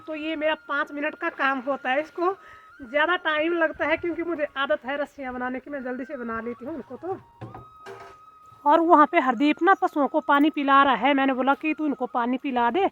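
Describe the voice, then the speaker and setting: High-voiced chatty Himachali village woman. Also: fairly quick, a bit bright, dull audio. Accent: Mandyali-tinged Hindi. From Himachal Pradesh, India. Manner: chatty, frequent fillers. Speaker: village vlogger. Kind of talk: casual vlog narration. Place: outdoors at a hillside village farm.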